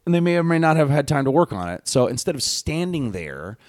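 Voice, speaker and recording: A man's voice: a little high, fairly quick, dry recording, studio quality. A man guesting on a podcast, telling a story in casual chat and acting out the voices of the people in it. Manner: animated storyteller, acts out quoted voices loudly.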